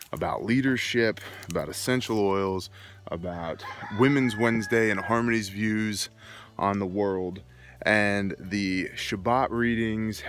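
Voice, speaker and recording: A middle-aged man with a low voice speaks off the cuff like a homesteading vlogger and keen gun enthusiast. He takes his time, laying out points in short, emphatic phrases. Faint music sits behind him. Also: fairly bright tone. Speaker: homesteading and preparedness video host. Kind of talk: casual off-the-cuff vlog talk to viewers. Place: outdoors, walking on own rural land.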